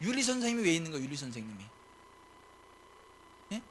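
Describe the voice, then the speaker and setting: A male pastor delivering an impassioned sermon in a high, bright, forceful voice. He fires rhetorical questions at the congregation and swings from quiet, muttered asides to ringing shouted declarations. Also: big pitch swings, quick pace, slight background noise.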